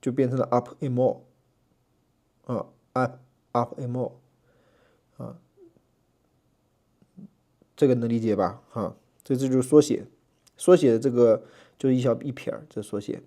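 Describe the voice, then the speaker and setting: A man with a medium-pitched voice teaches a Greek lesson in a relaxed lecturing style. He uses many fillers and slows down to spell out letters and sounds.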